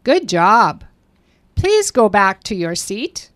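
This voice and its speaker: A woman reading English lesson prompts slowly and with clear, careful enunciation. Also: mid-range voice, big pitch swings, no echo. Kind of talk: scripted language lesson dialogue.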